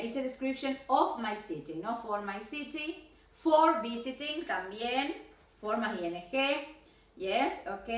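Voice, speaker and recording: A woman's voice: on the high side, bright, forceful tone, echoey room, distant mic. A woman English teacher with an Argentine Spanish accent, giving feedback on students' videos, mixing Spanish and English and correcting pronunciation and grammar.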